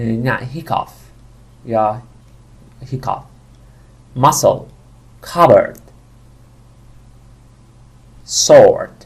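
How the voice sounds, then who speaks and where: Low gravelly male English teacher. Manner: reads English words slowly and loudly, then explains in Persian. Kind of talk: Persian-language English lesson, reading word lists aloud.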